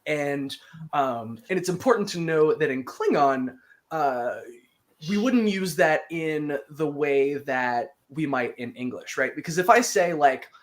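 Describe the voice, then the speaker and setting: A language teacher in a casual lesson, chatty and patient. Explains grammar in loose everyday talk with many fillers. Slows right down to model a phrase for the learner. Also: mid-range voice, lively intonation. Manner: patient, repeats phrases slowly for practice.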